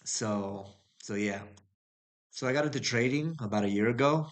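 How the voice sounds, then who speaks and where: A young American man, a vlogger, rambles casually through his life story in a mid-range voice at a moderate pace. His personal monologue is full of fillers and restarts.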